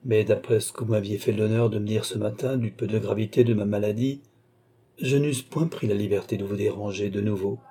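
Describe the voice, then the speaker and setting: A man reading the part of a proud, defiant young noblewoman in an audiobook, with a dark, husky voice. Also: fairly low pitch, fairly even intonation, brisk. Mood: guarded. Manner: haughty, defiant.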